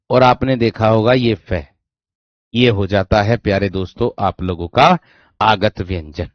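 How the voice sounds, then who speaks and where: Teacher repeating slowly, lo-fi. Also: male voice, mid-range voice, no echo. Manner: repetitive, dictates slowly, keeps asking if it's clear. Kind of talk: online exam-prep class. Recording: dry, dull lo-fi sound.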